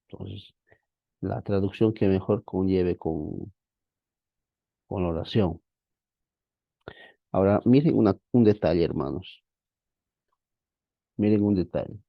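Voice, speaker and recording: Slow, deep-voiced man teaching biblical Greek. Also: dry recording, dull audio. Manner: patient, explanatory, addresses students as brothers. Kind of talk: online class lecture.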